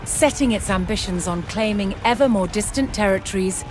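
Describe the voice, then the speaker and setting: Over background music, a mid-range female voice narrates scripted history for a strategy game. Her delivery is dramatic yet measured, like a storyteller.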